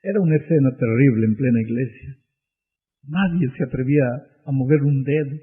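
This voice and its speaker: A man's voice: medium pitch, fairly quick. A man preaching an evangelistic sermon, telling a story dramatically and building to impassioned appeals. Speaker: pastor. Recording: tinny, phone-like husky sound.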